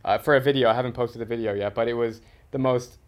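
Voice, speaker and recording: A man's voice: mid-range voice, steady tone, quick pace. A man hosting a podcast, talking about travel in an eager, emphatic way and steering the conversation. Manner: enthusiastic, emphatic travel talk. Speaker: podcast host. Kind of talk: casual interview conversation.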